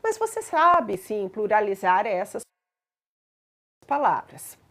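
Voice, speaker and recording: A woman's voice: medium pitch, sing-song, slow, fairly bright tone. A woman teaching grammar in a patient explanatory lesson, spelling out examples and checking in with listeners.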